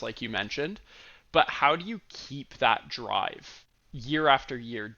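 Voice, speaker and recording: A man's voice: mid-range voice, bright, forceful tone, highs cut off. A man co-hosting a podcast, upbeat and admiring as he introduces and questions a guest. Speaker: podcast co-host.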